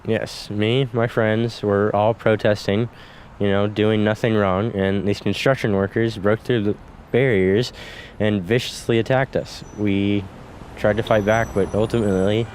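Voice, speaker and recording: A man plays an aggrieved young student protester in an acted street interview. His voice sits a little low, with noise around him. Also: fairly even intonation, unhurried, a little mellow, lightly acted.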